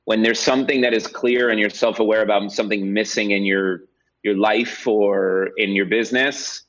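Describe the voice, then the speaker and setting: On a podcast with dull, lo-fi audio, a real estate agent is interviewed and answers in a reflective, chatty way, regularly checking in with "right?". His voice is lowish, steady and fairly bright, at normal speed.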